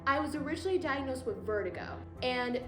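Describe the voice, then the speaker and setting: A woman's voice: sits high, lively intonation, quick pace. An eighteen-year-old woman answering interview questions casually, with lots of "like" fillers. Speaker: interviewee with POTS. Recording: roomy sound with music underneath.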